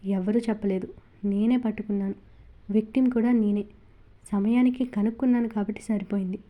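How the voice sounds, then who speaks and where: A woman voicing a forceful young husband who gives curt orders, gruff with others and tender with his wife. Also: sits high, steady tone, a little fast, narrow, tinny audio, close to an everyday voice. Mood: angry. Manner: brusque, commanding.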